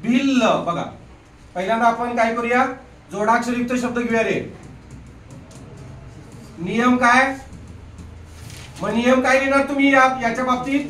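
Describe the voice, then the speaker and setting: A male grammar teacher giving a live classroom lesson, quizzing his students with quick questions and repeating "look here". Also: very high-pitched, steady tone, fairly bright tone, slight background noise. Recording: echoey room from a distant mic.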